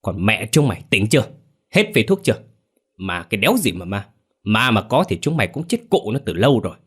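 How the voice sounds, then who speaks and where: A snarling, foul-mouthed gang boss played by a man telling a ghost story barks out orders in a low, gruff register. He bullies his underlings with curses and sounds permanently on the edge of losing his temper. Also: lively intonation, normal speed. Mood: furious. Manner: swearing, snapping orders.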